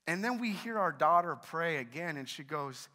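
A man preaching a sermon in a church, telling family stories with animated energy and lots of "like.". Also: a little high, moderate pace. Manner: animated storytelling, frequent "like". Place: church sanctuary. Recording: reverberant church hall.

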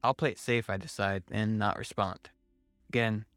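A man's voice: fairly low pitch, fairly even intonation, normal speed, fairly bright tone, no echo. Dry, close-sounding man narrating horror. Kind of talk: scripted first-person horror narration.

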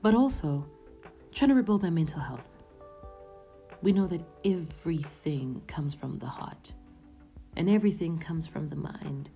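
A woman in her thirties hosts a podcast, delivering an earnest, reflective monologue that often drops to a near-whisper. Her deep, warm voice is animated and unhurried, she pauses often, and faint music plays behind her.

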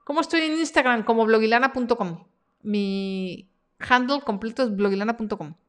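A woman's voice: a little high, moderate pace, clean tone. A woman hosting a live stream Q&A about her freelance workshop, reading viewer comments aloud in a chatty, encouraging way.

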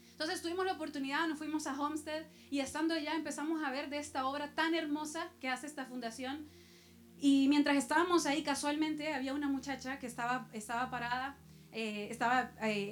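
Woman pastor, high voice, storytelling sermon with faint music underneath. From El Salvador. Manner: personal storytelling with rhetorical questions to the congregation.

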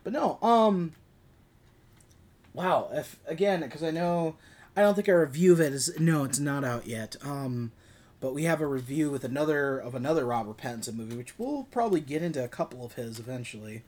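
Man co-hosting a casual film podcast, halting delivery. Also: on the high side, expressive, darkish tone. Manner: halting, searching for details.

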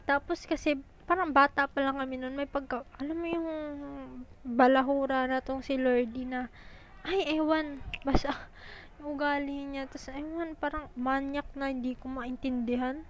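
A young woman telling school stories in a casual, chatty, animated way, a little out of breath. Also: sits high, moderate pace, lo-fi sound. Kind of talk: casual storytelling.

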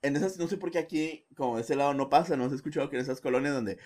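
A young man with a Mexican Spanish accent, co-hosting a podcast and telling a story in a casual chat, acting out shouting neighbors and laughing often. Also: racing. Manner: animated, acts out shouting neighbors with big jumps in pitch, laughs often. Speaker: podcast co-host.

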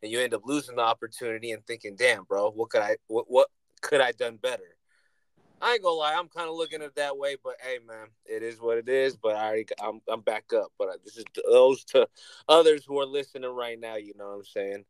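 A man hosting a podcast in casual, slangy stoner talk full of swearing, audibly high on cannabis. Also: quick pace, clear, resonant tone, no echo, low-quality recording. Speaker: podcast host. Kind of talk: casual chat, slangy storytelling.

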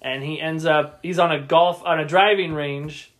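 A man's voice: on the high side, steady tone, moderate pace, fairly bright tone. A man chatting casually on a podcast, retelling favorite movie scenes, laughing often and acting out quoted lines. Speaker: podcast co-host. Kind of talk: casual chat about movies.

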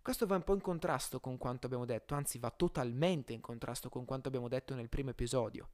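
Man explaining philosophy in halting, self-correcting phrases. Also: mid-range voice, darkish tone. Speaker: host of a philosophy podcast series. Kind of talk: informal philosophy lesson, explaining aloud.

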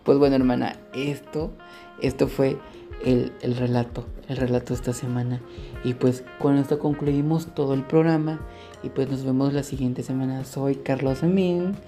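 A man's voice: mid-range voice, fairly even intonation, normal speed, dark tone, faint music behind. A man co-hosting a podcast, reading a listener's story aloud in a frank, chatty and playful way. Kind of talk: casual chat and reading aloud.

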